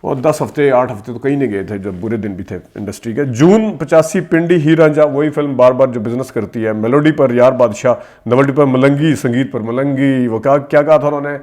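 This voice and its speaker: A man hosts a film-history commentary. He reels off movie titles at a quick clip, stressing the names and dropping short asides between them. His voice sits at an average pitch for a man. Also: darkish tone. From Pakistan. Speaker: host.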